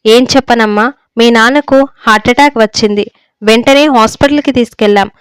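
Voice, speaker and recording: A woman puts on a middle-aged aunt who sounds worried and helpless, her lines coming out tearful, in a storybook reading. The voice is smooth and clear and sits a touch high, recorded dry and close. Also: fairly quick, no echo, natural voice. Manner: tearful, pleading.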